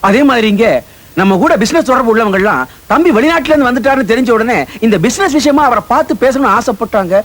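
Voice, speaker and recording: An actor playing a crooked estate manager's accomplice who explains matters warily in a Tamil film. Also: male voice, very high voice, animated, quick pace, a bit bright, exaggerated voice. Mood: wary. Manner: explanatory, wary.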